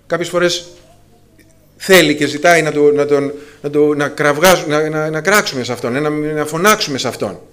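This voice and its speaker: Male preacher, slightly high voice, fervent, halting with fillers and restarts. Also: fairly bright tone. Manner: addresses listeners as brothers, rising to fervent emphasis; many filler sounds and restarts. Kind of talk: sermon to a congregation.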